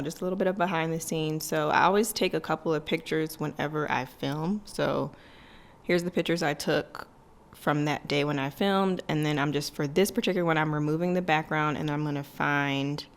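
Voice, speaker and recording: A young woman with a notably low-pitched voice talks through her day in a relaxed vlog. Her delivery is loose and chatty, full of fillers and little asides. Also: creaky. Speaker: vlogger and business coach. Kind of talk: casual day-in-the-life vlog chat.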